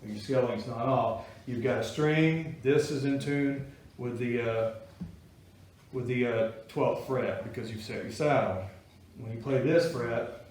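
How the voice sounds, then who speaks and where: Guy teaching a guitar class, folksy and chatty, mid-pitched voice, echoey room, recorded from far off. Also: darkish tone, slight background noise. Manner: folksy, explanatory, chatty with students. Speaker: guitar-building instructor. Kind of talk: casual workshop class talk. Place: workshop classroom with students.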